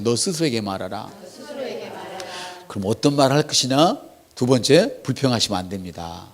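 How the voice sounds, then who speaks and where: A man preaching a sermon to his congregation, acting out quoted lines. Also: mid-range voice. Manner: animated preaching with acted quotes. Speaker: pastor.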